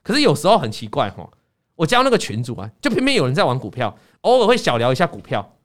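A man hosting a casual chat show, telling stories animatedly and acting out the people in them. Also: fast. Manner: animated, acts out quoted people with big pitch jumps. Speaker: podcast host.

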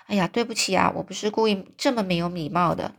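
A woman's voice: lowish voice, quick pace, vocal fry. A woman voicing a small, curious and polite young girl who asks many questions. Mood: apologetic.

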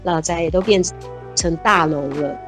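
Soft background music plays as a woman in her fifties, voice on the low side, talks at normal speed in Taiwanese-accented Mandarin. Guesting on a radio interview, she tells conversational stories of her childhood and adventures, warm-hearted, earnest and prone to exclamation.

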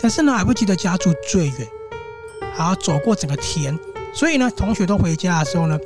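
Chatty Taiwanese Mandarin storyteller. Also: male voice, high voice, brisk. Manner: chatty, animated, with asides to the audience. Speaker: host and storyteller. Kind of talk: casual ghost-story telling. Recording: background music under the voice.

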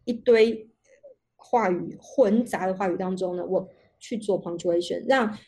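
Guest researcher, female; mellow, husky tone; talks at length over a video call, circling back and rephrasing. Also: mid-range voice, a little slow. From Taiwan. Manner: long reflective explanations with many restarts. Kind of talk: online panel talk.

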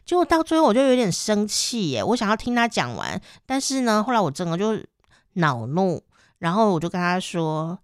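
A woman's voice: mid-range voice, moderate pace, clear, resonant tone, no room sound, studio quality. A young adult woman with a Taiwanese Mandarin accent, hosting a casual podcast and telling stories animatedly with frequent laughter. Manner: animated storyteller who laughs often. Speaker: podcast host.

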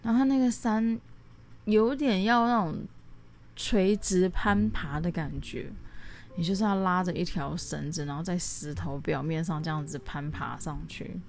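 A woman's voice: lowish voice, moderate pace, darkish tone, slight background noise. A woman talking alone in a casual late-night monologue, rambling through her stories with frequent restarts and English words mixed in. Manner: rambling, chatty storytelling with many restarts. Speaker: solo podcast host.

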